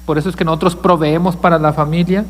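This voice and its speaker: A man's voice: on the high side, flat delivery, quick pace, long reverb tail. A male pastor preaching a sermon, asking the congregation questions and joking with them. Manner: asks the congregation questions, jokes with listeners. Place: church sanctuary.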